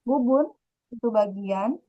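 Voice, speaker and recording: A woman's voice: fairly high pitch, slow, warm tone. A woman teaching a grammar lesson, explaining patiently and repeating her points. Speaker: Korean language teacher. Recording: dull lo-fi sound.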